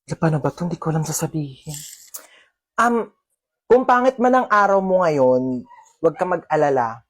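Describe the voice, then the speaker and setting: A woman with a husky voice, teasing and lively in a comedy skit. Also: low-pitched, normal speed. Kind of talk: comedy skit role-play.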